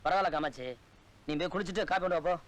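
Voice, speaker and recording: A man's voice: high-pitched, rapid-fire, lightly acted. An actor playing a kind young husband who reassures his bride. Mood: calm.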